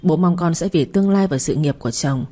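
A woman voicing a father-in-law in a spoken story who speaks softly and coaxingly. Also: low-pitched, a little fast. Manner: hushed, coaxing. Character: older father-in-law, quietly persuasive.

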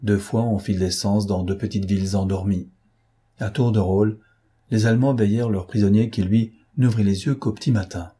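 A man narrating a novel as an audiobook, in steady, measured storytelling. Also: fairly low pitch, breathy edge.

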